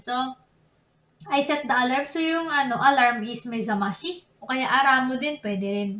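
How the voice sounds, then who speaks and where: Chatty Filipina teacher, roomy dull recording. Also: female voice, a little high, a bit bright, slight background noise. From Philippines. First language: Tagalog. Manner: chatty, self-correcting, laughs at own slips. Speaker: Japanese language teacher. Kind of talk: casual online lesson in Tagalog and English.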